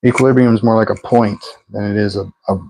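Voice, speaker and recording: A man's voice: fairly low pitch, fairly even intonation, quick pace, mellow, no echo, poor audio. Man calling out meter readings. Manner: reads out meter numbers, chatty asides. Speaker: host of a pulse motor channel. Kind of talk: live-stream tinkering commentary. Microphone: phone.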